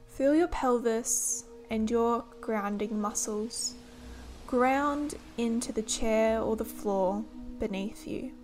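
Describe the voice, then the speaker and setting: A woman leading a guided body-scan meditation in a gentle, soothing manner, giving instructions in short, unhurried phrases. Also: on the high side, faint music behind.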